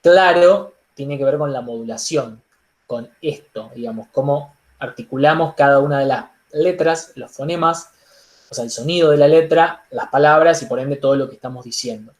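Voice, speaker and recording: A man's voice: medium pitch, moderate pace, reverberant. Argentine man coaching public speaking. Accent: Argentine Spanish. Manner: animated, demonstrative, repeats "digo" and "entonces". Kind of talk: online workshop lesson. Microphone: laptop microphone on a video call.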